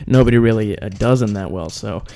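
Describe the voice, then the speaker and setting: A man hosting a comedy podcast, deadpan and self-mocking, rambling with filler into a close microphone. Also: fairly low pitch, fairly quick, dry recording. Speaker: podcast host. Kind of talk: comedic monologue.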